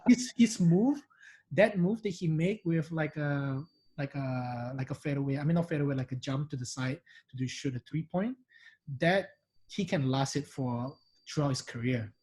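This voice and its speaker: A man's voice: fairly high pitch, moderate pace, a little mellow, slightly rough, rough recording. A man from Indonesia with a mixed Singaporean and Indonesian accent, chatting animatedly as an interview guest with many restarts. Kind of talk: casual interview chat.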